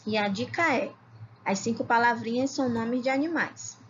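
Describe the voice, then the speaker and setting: A woman from Ceará teaching a children's video lesson, calling herself "tia" and sounding out words slowly, syllable by syllable. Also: on the high side, highs cut off, slight background noise. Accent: Brazilian Portuguese, Ceará. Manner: slow, syllable-by-syllable reading, calls herself "tia". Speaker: primary school teacher.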